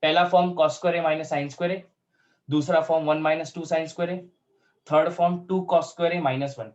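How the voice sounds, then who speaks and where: A man teaching a math lesson in Hindi with English terms, working through steps aloud and slowing down to dictate formulas. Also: on the high side, steady tone, lo-fi sound. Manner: talks through steps aloud, checks in with students often; slows right down to dictate formulas.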